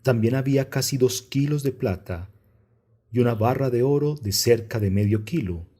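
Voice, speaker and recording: A man's voice: mid-range voice, normal speed, dark tone, breathy edge, lightly acted. A man reading a guilty man who confesses to stealing plunder in an audiobook. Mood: confessing.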